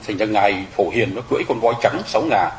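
A man's voice: on the low side, quick pace, vocal fry, roomy sound, a little hiss or hum, poor audio. A man teaching Buddhist scripture to lay followers, explaining terms and often asking the audience whether they remember. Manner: explanatory, rhetorical questions to the audience. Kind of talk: dharma talk to lay followers.

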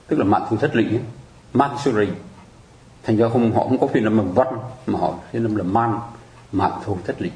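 A man's voice: fairly low pitch, warm tone, echoey room, rough recording. A man teaching Buddhist practice in a patient, conversational way, often asking listeners if they follow. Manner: patient, explanatory, keeps asking listeners to agree. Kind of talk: conversational teaching on mudras and mantras.

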